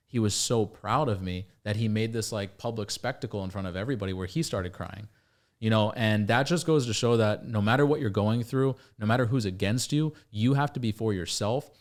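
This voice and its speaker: Emphatic, cursing man on a podcast. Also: on the low side. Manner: emphatic, profane, motivational. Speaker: podcast host. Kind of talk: casual podcast chat.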